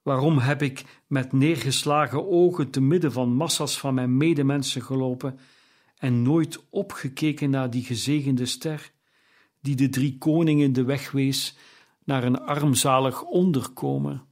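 A man's voice: medium pitch, fairly even intonation, a little slow, darkish tone, natural voice. A man voicing Jacob Marley's mournful ghost. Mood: lamenting. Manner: mournful, lamenting, declamatory. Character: tormented male ghost of dead partner.

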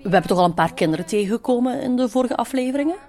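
Casting: female presenter, curious and animated, voice rising and falling widely. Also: on the high side, very fast. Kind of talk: TV reportage interview.

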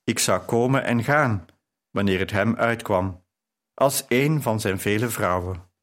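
Man, audiobook narrator, measured, even storytelling. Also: fairly low pitch. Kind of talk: scripted narration.

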